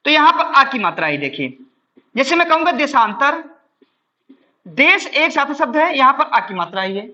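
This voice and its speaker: A man's voice: very high-pitched, sing-song, normal speed, pauses often, sharp tone, highs cut off. A man teaching Hindi grammar for exams. He asks questions and answers them himself, keeps saying "ठीक है", and explains step by step while addressing viewers as friends. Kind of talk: exam-prep classroom lesson.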